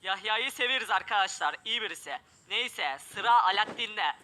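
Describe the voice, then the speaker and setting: A man giving excited let's-play commentary, often crying out in alarm as he plays. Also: high-pitched, moderate pace, a little hiss or hum. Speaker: gameplay commentator.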